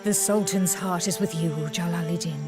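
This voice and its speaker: A woman's voice: lowish voice, steady tone, moderate pace, loud music behind the voice, lightly acted. An actress dubbing an anxious royal mother who pleads with her son in a historical drama. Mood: pleading. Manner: pleading, earnest. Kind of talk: English dub of a historical drama.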